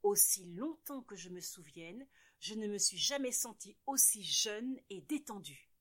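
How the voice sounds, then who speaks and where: A woman voicing Monsieur Propre, a stuffy, fastidious husband in a children's tale, pompous and exclaiming. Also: mid-range voice, expressive, a bit bright. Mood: relaxed.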